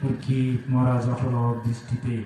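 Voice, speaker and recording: A man's voice: medium pitch, completely flat delivery, measured pace, warm tone, slight background noise. A man preaching a devotional sermon, asking the audience questions and breaking into sung chants. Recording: echoey hall recorded from far off.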